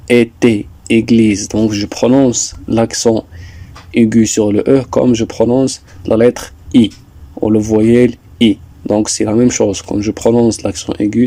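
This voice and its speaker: A man teaching a French lesson, explaining slowly and deliberately, repeating points with some hesitations. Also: mid-range voice, mellow. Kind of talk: slow classroom explanation.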